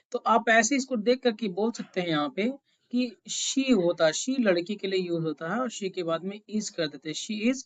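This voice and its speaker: A woman's voice: medium pitch, dull audio. A woman English teacher giving a spoken lesson, explaining patiently, repeating words and checking that listeners follow.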